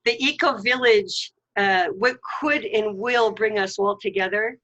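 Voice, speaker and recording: A woman's voice: medium pitch, measured pace, fairly bright tone, lo-fi sound. A woman hosting an interview over a video call, enthusiastic and encouraging. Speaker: host.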